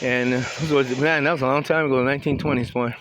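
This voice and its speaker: A man's voice: medium pitch, steady tone, quick pace. A man in his sixties from Southern California, chatting in a rambling, opinionated way with many restarts as he walks around a town outdoors. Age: 60s. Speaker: vlogger. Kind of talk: casual walking commentary. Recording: outdoor street noise with passing traffic.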